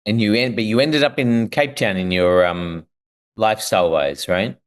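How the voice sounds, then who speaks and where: A man's voice: fairly low pitch, moderate pace, smooth. A man hosting a podcast, moving between casual chat and scripted reading. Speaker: podcast host.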